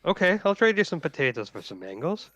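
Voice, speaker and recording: A man's voice: on the high side, very animated, quick pace, fairly bright tone, no echo. A man playing a tabletop game, hesitant with many ums and uhs. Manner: hesitant, filler-laden. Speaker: player. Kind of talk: in-character play at the table. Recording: dull dry lo-fi mic.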